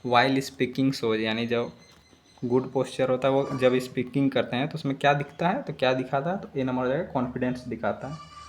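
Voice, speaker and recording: A young man tutoring students, reading English quiz questions aloud slowly and explaining each answer. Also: mid-range voice, steady tone, slight background noise. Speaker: exam prep tutor.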